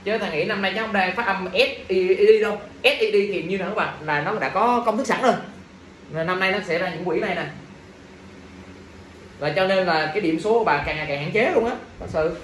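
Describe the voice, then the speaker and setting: A man leads an exam review lesson, bright and high in pitch. He jokes with the students and keeps asking them questions. The classroom sounds echoey, with faint background noise. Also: brisk. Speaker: English teacher.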